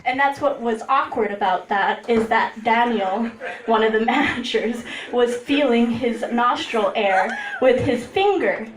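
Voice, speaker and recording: Young woman telling funny work stories on stage, kinda high voice, laughs a lot, roomy echo, sounds far from the mic. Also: measured pace. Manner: animated, laughs while telling, acts out quotes. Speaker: storyteller. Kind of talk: live comedic storytelling.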